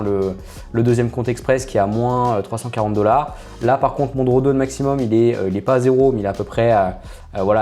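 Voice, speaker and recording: A chatty man walks viewers through his screen, speaking in a relaxed, mellow, darker tone. He hesitates often and fills pauses with filler sounds, with soft music faintly underneath. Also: on the low side. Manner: hesitant, full of filler "euh"; chatty, addresses viewers directly. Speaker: trading channel host. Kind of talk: casual screen-share commentary.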